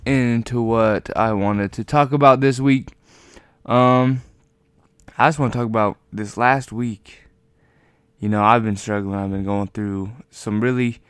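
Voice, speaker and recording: Man, podcast host lying on the floor, lowish smooth voice, casual reflective monologue, hesitant repetitions, dry sound. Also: no room sound. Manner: hesitant, searching, with repeated words and pauses; talking while lying on the floor. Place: lying on the floor of a room at home.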